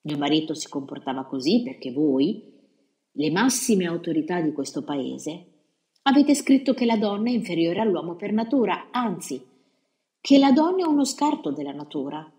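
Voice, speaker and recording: A woman with a fairly low voice reads a novel aloud in the first person. Her delivery is measured and dramatic. The recording sounds roomy and echoey. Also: big pitch swings, mellow. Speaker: audiobook reader. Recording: roomy echo.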